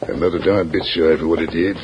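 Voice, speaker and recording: An actor playing a loyal western sheriff in an old-time radio western, with a steady, folksy drawl. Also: male voice, sits low, quick pace. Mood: calm, resigned. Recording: dull, noisy old radio recording.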